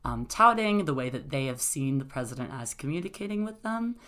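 A woman's voice: very deep voice, sing-song, fairly quick, a bit bright. A woman in casual debate, laying out events step by step with frequent "uh" and "um.". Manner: explanatory, methodical, many "uh" and "um" fillers.

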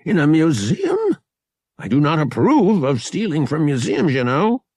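Man puts on fussy, theatrical old male trader, high, raspy voice, storybook reading. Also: huge pitch swings, measured pace, darkish tone, no room sound, studio quality, exaggerated voice. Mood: pompous. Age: older. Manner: pompous, theatrical pleading. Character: fussy old male antiques dealer, dramatic and whiny.

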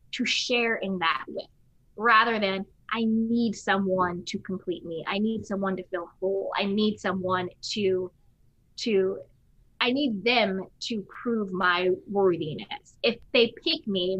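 A podcast host chats casually, speaking emphatically and acting out the voices of people she quotes. Her voice is medium-pitched and a bit bright. The recording is dry, with slightly dull lo-fi sound.

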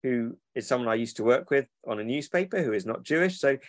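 A man's voice: mid-range voice, lively intonation, fast talker, dry recording. A man, a children's book publisher who rambles and corrects himself in a casual interview over a remote call.

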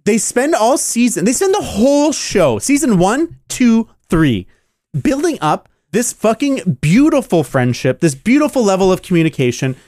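A man's voice: high voice, very animated, moderate pace, darkish tone, no room sound, studio quality. A man co-hosting a podcast, ranting about a TV show with a lot of swearing. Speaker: podcast co-host. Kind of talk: casual podcast chat.

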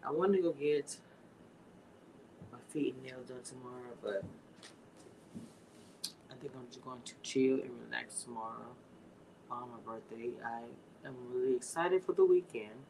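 A woman's voice: a bass voice, warm tone, slight background noise, low-quality recording. A woman in her forties chatting casually with viewers on a livestream, drawing out her words. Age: 40s. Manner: chatty, drawn-out, talks to viewers. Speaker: livestream host.

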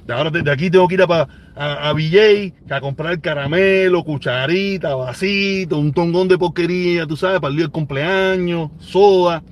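A fortyish man with a Cuban Spanish accent chats casually on a live stream, replying to viewer comments. His voice sits on the high side, moving at a normal speed with few pauses. He is emphatic and tends to repeat phrases for weight.

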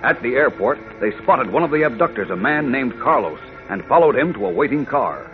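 A man's voice: medium pitch, big pitch swings, a little fast, faint music behind. A man narrating a 1940s radio serial as its announcer, in a dramatic, scripted style. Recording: tinny old radio recording.

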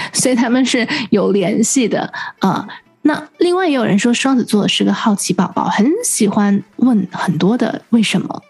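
A woman with a slightly husky voice hosts an English lesson show. She asks curious follow-up questions and echoes each answer back to the listener. Faint music sits under her voice. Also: on the high side, lively intonation, normal speed, darkish tone. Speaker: host. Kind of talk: radio lesson host asking questions.

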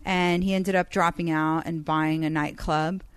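A woman from Iran, a guest on a podcast, talking casually in a soft, hesitant way with many restarts. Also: low voice, level tone, measured pace, clear, resonant tone, no echo. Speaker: podcast guest, comedian and psychic reader.

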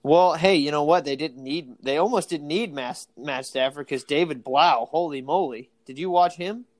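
A man co-hosting a casual sports podcast, excitable and laughing often, tired from an early morning. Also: fairly high pitch, normal speed, no echo. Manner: excitable, laughs often, acts out quoted exchanges. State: tired, yawning. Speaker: podcast co-host.

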